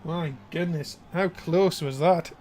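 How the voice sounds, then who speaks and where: A wrestling commentator with an excitable, showman-like delivery, calling play-by-play and reading show promos. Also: medium pitch, slow pace.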